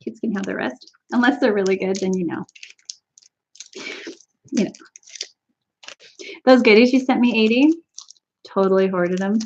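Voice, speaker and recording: A woman's voice: mid-range voice, normal speed, vocal fry, long pauses, a little mellow, a little hiss or hum. A woman from Canada hosting a casual live-stream snack tasting, chatty and giggly as she talks to her viewers. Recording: slightly dull lo-fi stream audio.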